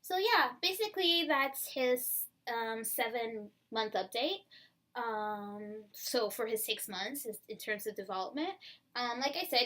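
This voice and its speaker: A woman's voice: on the high side, fairly bright tone. A woman talking casually to the camera as a first-time mom in a home vlog, chatty and rambling, often breaking into laughs.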